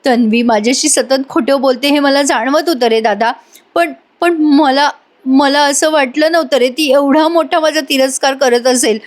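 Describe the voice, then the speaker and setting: A woman's voice: high voice, voice pushed up, close to an everyday voice. A woman reading as a tearful remorseful younger brother. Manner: apologetic, halting, repeating himself.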